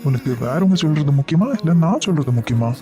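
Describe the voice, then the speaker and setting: A man voicing a caring, patient young husband in a cartoon, speaking in a gentle, coaxing way. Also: a little high, animated, fast, faint music behind, voice pushed up, natural voice.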